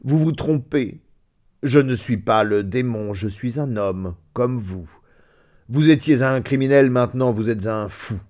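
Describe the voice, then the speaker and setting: A man voicing a cold, scornful stranger who speaks slowly and mockingly in a storybook reading. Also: mid-range voice, a little mellow, natural voice.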